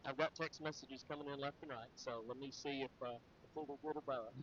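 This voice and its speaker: A man's voice: medium pitch, fairly even intonation, brisk, fairly bright tone, slight background noise. A man hosting a live sports pregame show, chatty with many fillers. His voice sounds muffled, as if through a wall. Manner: chatty, with frequent fillers and restarts. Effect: muffled, dull sound, as if through a wall. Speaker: sports broadcast host. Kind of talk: live pregame chat and sponsor reads.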